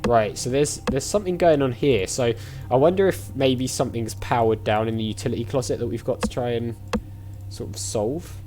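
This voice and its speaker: Speaking briskly in a mid-range voice, a man plays an adventure game and offers relaxed let's play commentary, musing as he goes over game music.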